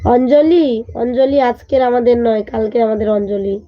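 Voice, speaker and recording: A woman with a hoarse voice after a fever, hosting a livestream and chatting casually with viewers as she answers their comments one by one. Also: on the high side, fairly even intonation, moderate pace. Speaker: livestream host. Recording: dull lo-fi livestream audio.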